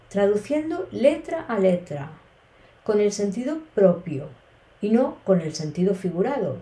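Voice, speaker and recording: A woman podcast host from Spain teaching Spanish expressions, speaking slowly and clearly with playful, varied intonation. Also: mid-range voice, warm tone, echoey room. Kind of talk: podcast lesson.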